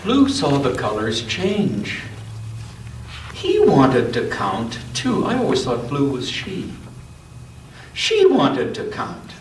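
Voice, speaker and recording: This storyteller's mid-range voice swoops wildly in pitch as he reads a children's story to an all-ages church audience. He plays up dramatic pauses and emphasis, pausing for casual talk with listeners. The recording, made indoors, is echoey, distant, and faintly noisy.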